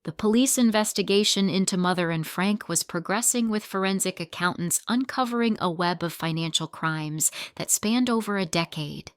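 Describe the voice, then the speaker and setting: A woman narrating a first-person revenge story in a steady, even storytelling delivery, recorded close to the mic. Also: lowish voice, normal speed, few pauses, smooth, no echo.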